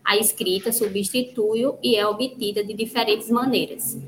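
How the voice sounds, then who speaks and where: A woman co-hosting an online talk from home, reading a passage aloud and explaining it in a measured way. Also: medium pitch, steady tone, background noise. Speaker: co-host of an online study show. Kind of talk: reading a text aloud and commenting on it. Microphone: internet call.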